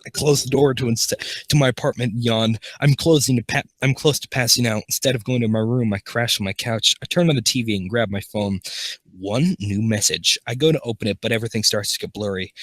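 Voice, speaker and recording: Husky guy reading a story out loud, keeps tripping on words, dry close sound. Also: mid-range voice, a little fast, no echo. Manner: stumbles and restarts words while reading. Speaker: show host reading fan fiction aloud. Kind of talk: comedic dramatic reading.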